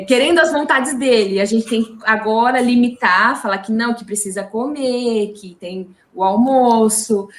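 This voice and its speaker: Brazilian woman, mother as interview guest, fairly high voice, hesitant with many restarts, echoey room. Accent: Brazilian Portuguese. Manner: halting, with many restarts and fillers. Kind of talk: casual video call interview. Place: home.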